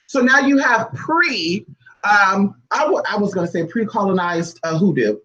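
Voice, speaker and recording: A man's voice: high-pitched, lively intonation, moderate pace, bright, forceful tone, highs cut off. A man vlogging a blunt, profane rant as a spiritual practitioner, firing off rhetorical questions. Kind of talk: unscripted ranting monologue.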